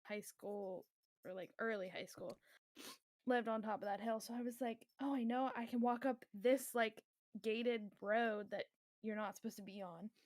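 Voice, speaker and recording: Young woman co-host, easygoing filler-heavy chat, higher voice. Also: steady tone, moderate pace, a little mellow, no echo, clean studio sound. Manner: says "like" a lot, laid-back. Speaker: podcast co-host. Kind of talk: casual storytelling.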